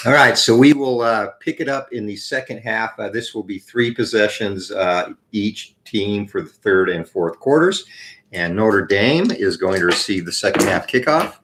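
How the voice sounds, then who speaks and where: A man hosting a tabletop college football game, explaining rolls and play results with frequent pauses and a morning voice. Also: fairly low pitch, fairly bright tone, a little hiss or hum, rough recording. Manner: explains rules and dice rolls, many "uh" pauses. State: morning voice, clears throat.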